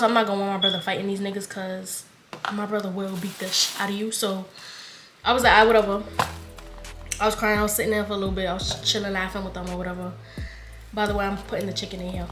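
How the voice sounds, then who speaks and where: In a roomy-sounding recording, a woman in her 20s with a medium-pitched voice vlogs a story in casual slang, animatedly voicing the dialogue herself.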